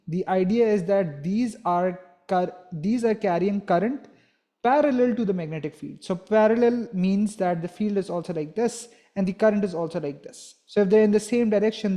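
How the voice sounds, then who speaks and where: A young male physics teacher with a high-sitting voice and a dark tone walks through a lesson step by step. He frequently checks in with listeners by asking "right?".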